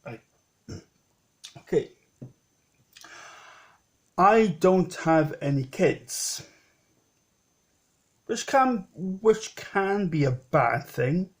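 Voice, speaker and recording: A man in his late thirties rambles through a personal vlog in a high-pitched, sing-song voice, speaking very slowly with frequent pauses. He often repeats himself and starts over.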